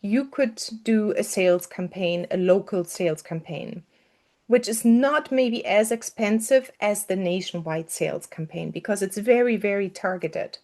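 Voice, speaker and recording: A woman's voice: medium pitch, unhurried, a little mellow. A woman coaching students through an online marketing lesson, talking casually with frequent fillers and restarts.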